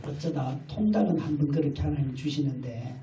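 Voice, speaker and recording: A man's voice: on the high side, fairly quick, mellow. A middle-aged male pastor preaching a sermon, telling stories and acting out family dialogue. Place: large hall at a retreat. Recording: echoey hall from far off with faint noise.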